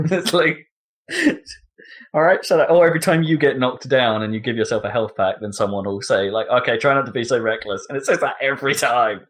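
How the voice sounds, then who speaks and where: A man's voice: mid-range voice, a little fast, fairly bright tone. Chatty man, rambling podcast talk. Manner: rambling, lots of fillers and laughter. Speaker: podcast co-host. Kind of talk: casual chat about video games.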